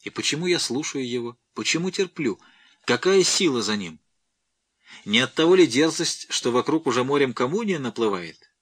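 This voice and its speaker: A man's voice: mid-range voice, expressive, moderate pace, a bit bright, no echo, studio quality. A man doing a brooding, menacing warlord. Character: male rebel warlord, cold, brooding, menacing.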